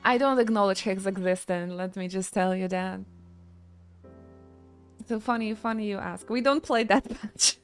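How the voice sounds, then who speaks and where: A woman's voice: medium pitch, moderate pace, pauses often, faint music behind. A woman from Poland, chatting casually with her stream in a joking, self-mocking way. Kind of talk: casual chat with chat readers.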